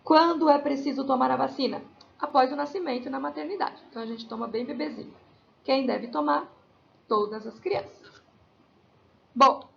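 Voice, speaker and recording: High, gravelly Brazilian woman teacher. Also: lo-fi sound. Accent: Brazilian Portuguese. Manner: patient, explaining step by step; checks in with tag questions. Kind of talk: recorded class lesson for children.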